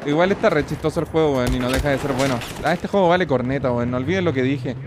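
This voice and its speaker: A young man with a Chilean accent who streams, talking in excited, profane, joking casual commentary. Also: mid-range voice, quick pace, background noise.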